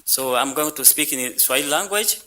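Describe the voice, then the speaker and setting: A man's voice: fairly high pitch, lively intonation, normal speed, sharp tone, a little hiss or hum. A man interpreting a speaker's comment at a council meeting, with short and hesitant renderings. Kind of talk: live interpreting.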